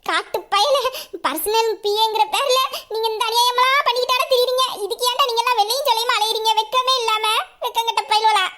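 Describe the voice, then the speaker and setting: A woman voicing a sharp-tongued young office assistant in an audio drama, grumbling asides under her breath. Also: extremely high pitch, steady tone, fast. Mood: exasperated. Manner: grumbling asides, exasperated muttering. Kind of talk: Tamil audio drama acting.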